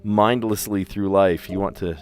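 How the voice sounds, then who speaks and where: On a livestream, a man from the US East Coast with a general American accent and a lowish voice works through word puzzles, thinking aloud in a relaxed, chatty way. He speaks deliberately and carefully, dropping the occasional filler while he considers. The tone is clean, with faint music in the background.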